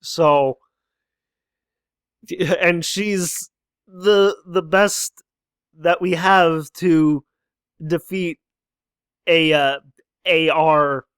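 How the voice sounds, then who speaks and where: A man's voice: on the high side, fairly bright tone, smooth, no room sound, clean studio sound. A young man casually commenting on a game as he plays, musing aloud, reading lines of dialogue and chuckling often. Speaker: let's play host.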